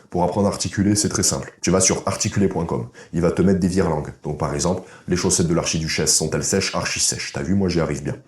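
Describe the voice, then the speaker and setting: A man's voice: sits low, a little mellow. A man coaching viewers in a direct-to-camera vlog, blunt and informal, speaking to the viewer as a buddy and checking in with "ok?". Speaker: masculinity and dating coach. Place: indoor room. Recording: echoey room.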